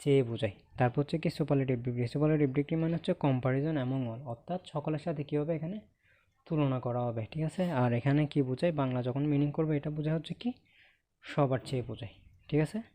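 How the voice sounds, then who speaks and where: A man's voice: fairly high pitch, fast talker, mellow. A man with a Bangladeshi accent teaching English grammar in an online lesson. He asks the class questions, answers them himself, and keeps checking with "okay?". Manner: ends points with a checking "okay?".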